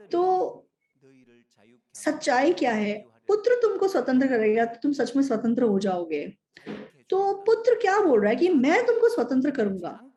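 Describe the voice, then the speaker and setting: A woman's voice: high-pitched, darkish tone. A woman interpreting a sermon, speaking in an earnest, explanatory way and repeating key phrases.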